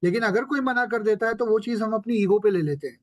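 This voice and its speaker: A man's voice: high voice, quick pace, dry recording. A man giving a sales training lecture, explaining step by step, mixing in English terms and often checking in with his listeners. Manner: mixes English terms into Hindi.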